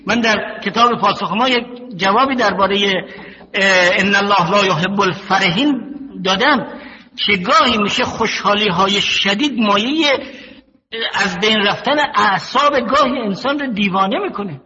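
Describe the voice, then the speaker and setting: Older male preacher, bright, high voice, steady teaching delivery, dull lo-fi hall recording. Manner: slow, measured teaching with stories and quotations. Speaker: cleric. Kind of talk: religious sermon.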